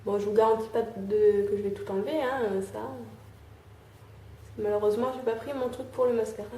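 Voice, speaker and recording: A young woman talking through a casual makeup tutorial, filling pauses with "euh" and "hein" as she applies makeup. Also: medium pitch, level tone, dark tone. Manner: chatty, fills with "euh" and "hein", talks while applying makeup. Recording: echoey room, faint background noise.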